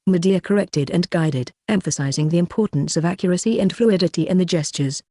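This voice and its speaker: A narrator reading a fantasy story aloud in an even, steady way. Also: mid-range voice, fairly quick, no echo, clean studio sound. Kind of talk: scripted audiobook narration.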